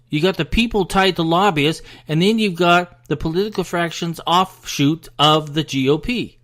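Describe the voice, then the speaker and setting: A man's voice: high-pitched, fairly bright tone. An American man hosting a solo political commentary, ranting in an emphatic, frustrated way and sounding out of breath. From United States.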